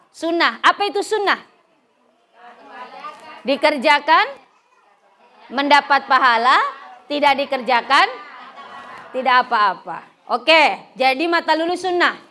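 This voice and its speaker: A middle-aged woman preacher from West Java giving a humorous religious lecture, telling stories lively and laughing often. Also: high voice. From West Java, Indonesia. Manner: lively storytelling, acting out characters, frequent laughter. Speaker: female Islamic preacher.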